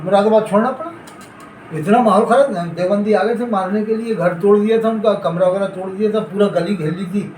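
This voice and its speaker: A man's voice: high voice, a little mellow. A man preaching a sermon, arguing with rhetorical questions and rising emphasis. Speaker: Islamic preacher. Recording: echoey hall, faint background noise.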